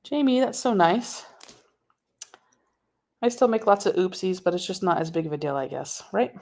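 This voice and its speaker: Her voice is lowish, creaky and a little mellow, moving at normal speed as she hosts a live sewing tutorial. The sewing instructor chats casually and takes viewer comments as she works, recorded on a laptop microphone in her home sewing room.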